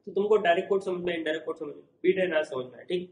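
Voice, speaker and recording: A man's voice: high voice, rapid-fire, creaky, darkish tone, reverberant, rough recording. A man with an Indian accent teaching a recorded lecture, explaining with everyday examples and checking that the class follows.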